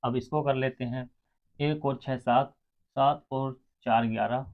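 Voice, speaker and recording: Over a muffled, phone-like line, a man at medium pitch teaches maths unhurriedly and in a steady tone. He prepares exam aspirants by addressing them directly, going step by step and counting the sums out loud.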